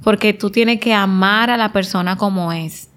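A woman's voice: mid-range voice, normal speed, fairly bright tone. A woman guest on a podcast interview, talking earnestly and reflectively, driving points home with repeated short phrases.

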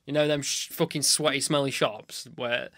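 A man's voice: mid-range voice, fairly even intonation, moderate pace, fairly bright tone, no echo. A young man, chatting crudely and dryly on a casual podcast. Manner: crude, sweary, dry banter. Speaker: podcast co-host. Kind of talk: casual chat.

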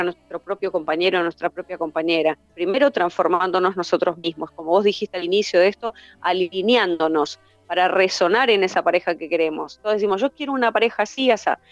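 A woman speaks at a mid pitch in a calm, flowing, teacherly manner, stacking her ideas into lists. The sound is dull and lo-fi and very dry. Faint music plays underneath. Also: no room sound. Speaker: workshop facilitator. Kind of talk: reflective conversation.

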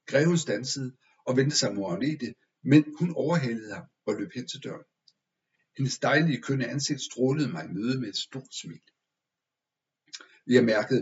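A man narrates a first-person tale in a measured, expressive manner. His voice sits at an ordinary middle pitch. The recording sounds a little dull and lo-fi. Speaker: audiobook narrator. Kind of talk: scripted story narration.

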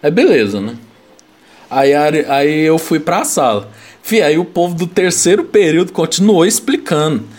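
A man's voice: on the high side, animated, moderate pace, darkish tone. A young man, casually telling a story in rambling chat, laughing and packing in slang fillers.

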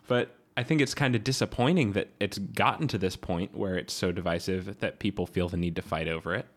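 A man co-hosting a casual podcast, speaking in a measured, wry and thoughtful way. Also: sits low. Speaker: podcast co-host.

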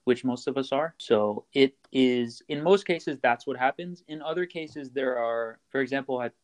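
A man's voice: medium pitch, normal speed. A man being interviewed as a guest about his work roasting coffee, explaining the steps plainly with frequent fillers and restarts. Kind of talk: casual interview chat.

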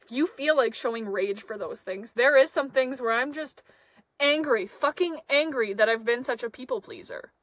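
A young woman van life vlogger talks candidly and reflectively to camera about her feelings, laughing often. Her voice is fairly high, animated, and fairly bright, at a moderate pace with no room sound.

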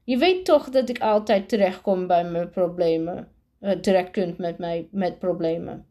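A worried storybook mother pleading with her son, as a woman reader voices her. She stumbles over her words in a dark, mellow tone. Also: fairly low pitch, moderate pace, lightly acted. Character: worried mother of a troubled boy.

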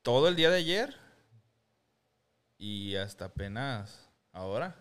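A man with a Mexican accent in casual chat, swearing and telling animated stories about his sons. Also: medium pitch, measured pace, smooth. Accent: Mexican Spanish. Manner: swearing, animated storytelling with voices for his son. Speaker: father.

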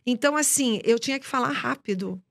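A woman, a journalist and TV presenter, telling lively anecdotes nonstop in a casual podcast interview. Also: on the high side, gravelly. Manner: talks fast and nonstop, animated anecdotes.

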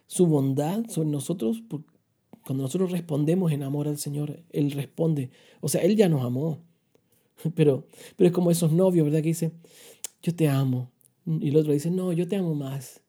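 Brief: male podcast preacher, very dark mellow tone, earnest and confessional. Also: a little high, slightly rough. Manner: earnest, confessional, rhetorical questions. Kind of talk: podcast sermon with listener questions.

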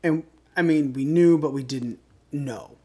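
A man's voice: a little high, a little slow, a little mellow. A man co-hosting a podcast, telling a trip story in loose casual chat with swearing. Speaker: podcast co-host.

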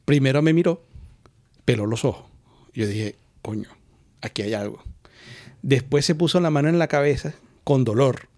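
A man's voice: mid-range voice, normal speed, long pauses, a little mellow. A man with a Venezuelan accent, co-hosting a podcast in casual chat, joking and telling stories dramatically. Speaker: podcast co-host. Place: indoor podcast recording.

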